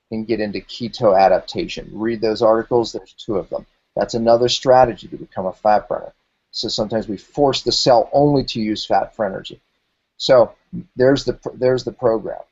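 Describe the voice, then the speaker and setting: A man in his forties hosts a health talk show, explaining things emphatically and repeating phrases often. His voice is mid-range and a little mellow, and the sound is lo-fi.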